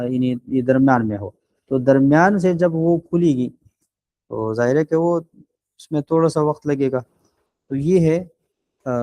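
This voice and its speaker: A man in a plain middle register gives an online recitation lesson in a close, dry recording with no room echo. He explains patiently and stretches his filler sounds as he thinks. He sounds out each vowel slowly and deliberately to model it. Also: medium pitch, dark tone. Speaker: Quran recitation teacher. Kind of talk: online class lecture.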